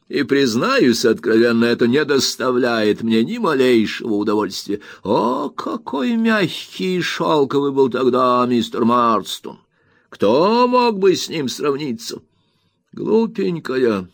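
A man reading aloud, voicing a stern and indignant elderly aunt who scolds in slow, emphatic phrases. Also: medium pitch, creaky, no room sound, studio quality, exaggerated voice.

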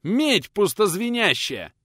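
A man voicing an older retired male schoolteacher, stubborn and quick to fly into a shouting rage. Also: very animated, no echo. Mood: enraged. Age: 60s. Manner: shouting indignantly, high and strained.

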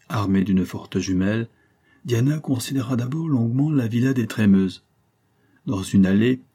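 A male audiobook narrator reads a classic novel in a measured, dramatic way. His voice is lowish, dark and mellow, with a husky, slightly raspy texture. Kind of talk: scripted literary narration.

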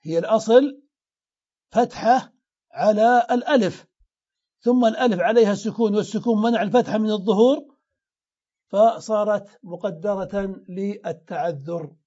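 A man's voice: high voice, fairly quick, long pauses, mellow, dull audio. A man teaching grammar in a classroom lesson, explaining step by step and answering his own questions.

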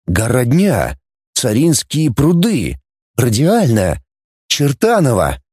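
A man's voice: mid-range voice, huge pitch swings, slow, a little mellow, slightly rough, no echo, clean studio sound, exaggerated voice. A man reading an audiobook voices a tough, sarcastic male space-fleet coordinator who barks orders. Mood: commanding.

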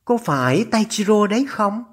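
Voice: mid-range voice, expressive, normal speed, husky, voice pushed up. A narrator voicing an anxious older mother on the phone, her trembling voice urgent and scolding as she pleads. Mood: pleading, alarmed.

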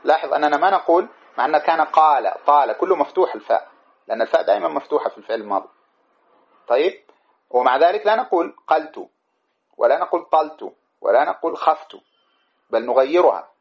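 Fast-talking man teaching, lo-fi. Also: fairly high pitch, animated. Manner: recites verses, then explains with examples and repetition. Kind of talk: lecture explaining a grammar poem. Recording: dull lo-fi recording.

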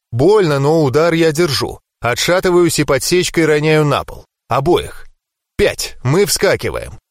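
Lively male audiobook narrator, dry close sound. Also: fairly high pitch, dry recording. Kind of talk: first-person audiobook narration.

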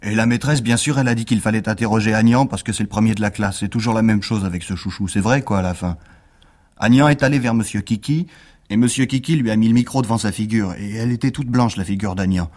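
A man's voice: on the low side, fairly even intonation, fast, darkish tone. A man narrating a children's story aloud in a chatty, childlike storytelling tone.

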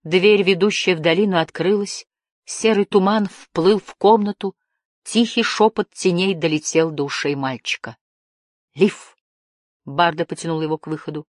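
A woman narrating a fantasy story in a measured, expressive storytelling manner. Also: lowish voice, no echo, clean studio sound. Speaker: audiobook narrator.

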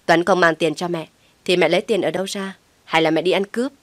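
A woman's voice: fairly low pitch, fairly even intonation, fast, a bit bright, no echo, lightly acted. A woman doing a sneering daughter-in-law. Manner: sneering, scornful. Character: spiteful young daughter-in-law, mocking and cruel.

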